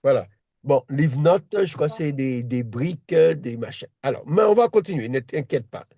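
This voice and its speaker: A man's voice: mid-range voice, expressive, moderate pace, mellow, dry recording, studio quality. A man teaching a one-on-one reading lesson, patient and repetitive, often restarting his sentences. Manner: patient, repeats himself, many restarts.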